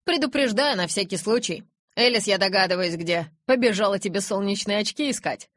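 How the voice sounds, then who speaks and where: A woman voicing a cheerful, cocky young werewolf man who talks loudly and boastfully. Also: mid-range voice, lively intonation, brisk, dry recording, clean studio sound. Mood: cocky, breezy. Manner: cheeky, boastful, loud.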